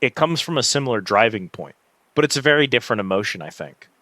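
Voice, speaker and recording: A man's voice: mid-range voice, sing-song, fast talker, bright, forceful tone, no echo. Rambling, reflective livestream host, a man, dry sound. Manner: rambling, reflective, searching for words. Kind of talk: casual livestream chat while gaming.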